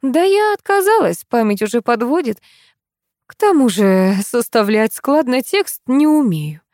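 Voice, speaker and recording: Casting: a stern old matriarch with clipped, commanding orders, put on by a woman narrator; lively pitch, dry close sound. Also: measured pace, no echo. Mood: calm. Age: older.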